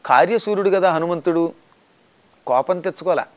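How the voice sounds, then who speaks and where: A man giving a spiritual discourse, telling a sacred story, reciting verses and explaining them in a lively, animated way. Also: high voice, normal speed. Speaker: religious discourse speaker.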